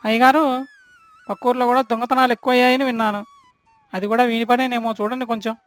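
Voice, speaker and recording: A man voicing a shrill, eager servant who runs to tell his master everything in a cartoon story. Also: fast, no room sound. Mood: tattling. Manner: excited, shrill.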